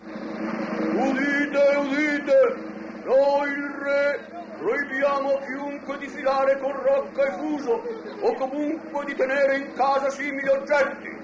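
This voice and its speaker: A proclaiming royal herald. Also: male voice, very high-pitched, completely flat delivery, takes it slowly, roomy sound, muffled recording, noisy background. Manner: proclaiming, formal. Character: royal herald reading a decree.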